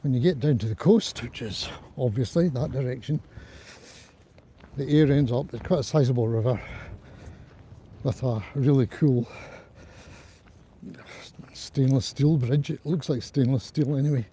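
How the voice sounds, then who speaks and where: A man with a husky voice chatting casually and ramblingly as he livestreams a walk outdoors on a small clip-on mic. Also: mid-range voice, unhurried, long pauses, dark tone. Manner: chatty, rambling, greets viewers as he goes. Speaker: livestream host on a group walk. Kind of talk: casual live vlog chat to viewers. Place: outdoors on a riverside hiking trail in cold wind. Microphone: small DJI clip-on mic worn near the throat.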